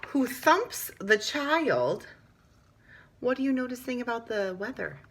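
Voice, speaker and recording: Reading a picture book to young children, a woman teacher speaks in a slightly high, sing-song voice. She draws out her phrases, drops into hushed moments and adds explanatory asides.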